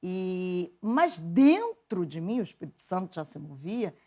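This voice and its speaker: A Brazilian woman, a journalist and preacher, telling stories from her upbringing in an interview, lively and quick to laugh. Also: lowish voice. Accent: Brazilian Portuguese. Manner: lively, laughs often, quotes her mother in animated voices. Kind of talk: conversational interview storytelling.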